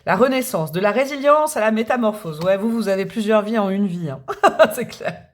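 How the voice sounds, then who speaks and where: A woman's voice: medium pitch, lively intonation, fairly quick. A woman doing a tarot reading for the viewer, chatty and thinking aloud, with restarts and little hummed sounds. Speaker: tarot reader.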